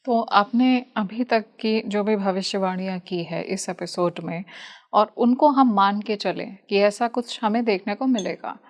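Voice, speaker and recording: A woman's voice: mid-range voice, a little slow. A woman interviewing a spiritual guest, asking long, careful questions. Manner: attentive, frequent listening murmurs.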